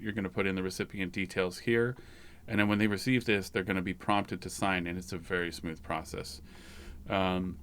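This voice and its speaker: Low, smooth-voiced man explaining software. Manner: loose, rambling, conversational. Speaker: tech channel host. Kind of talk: casual screen-share tutorial.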